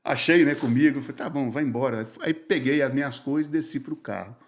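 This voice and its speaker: A man, a pastor telling his life story in a casual, slangy, animated way and acting out the dialogue. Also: medium pitch, a little fast. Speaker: pastor, podcast guest.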